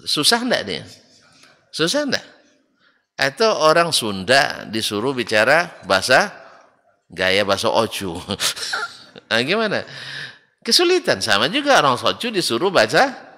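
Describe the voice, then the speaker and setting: A man's voice: medium pitch, sharp tone. A man giving a religious study lecture, asking his listeners rhetorical questions and acting out both sides of an exchange. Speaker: Islamic religious teacher. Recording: long reverb of a large hall.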